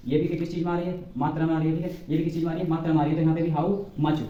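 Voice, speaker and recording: A male teacher with a Hindi accent talks quickly in a slightly raised voice and keeps saying "ठीक है" as he works through grammar rules. His tone is dark and mellow. He sounds a little far from the mic in an echoey room with faint background noise. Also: fairly high pitch, little pitch movement, muffled recording. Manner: repeats "ठीक है" constantly, dictates sentences slowly. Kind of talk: board lesson explaining grammar.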